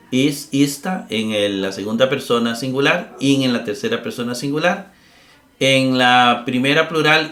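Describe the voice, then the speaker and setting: A middle-aged man teaching a recorded Greek grammar lesson, explaining patiently step by step, often checking with "¿verdad?" and pausing on "eh". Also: medium pitch, fairly bright tone, reverberant.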